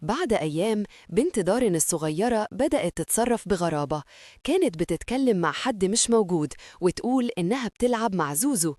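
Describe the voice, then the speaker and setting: A woman's voice: mid-range voice, expressive, brisk, darkish tone, no echo, studio quality. A woman with an Egyptian Arabic accent narrating a scripted horror story in a dramatic storytelling manner.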